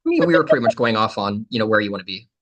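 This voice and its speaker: A man's voice: lowish voice, lively intonation, very fast, fairly bright tone. A man co-hosting a casual live stream, explaining space weather with dry humor.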